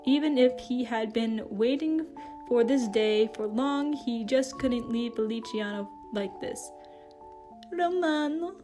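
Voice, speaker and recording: A woman's voice: on the high side, unhurried, music in the background. A woman casually reading fan fiction aloud, with playful asides. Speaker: fanfic reader.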